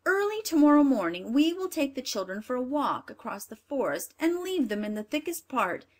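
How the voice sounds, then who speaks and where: A woman voicing a harsh, scornful stepmother in a storybook reading, sharp and commanding. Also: high-pitched, very animated, normal speed, voice pushed up. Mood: scheming. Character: harsh scolding stepmother, middle-aged woman.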